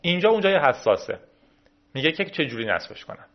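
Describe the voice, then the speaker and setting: A man's voice: fairly high pitch, very animated, highs cut off. A man hosting a casual screen-recorded tech tutorial, chatting through each step as he clicks through menus. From Iran. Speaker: tech video host.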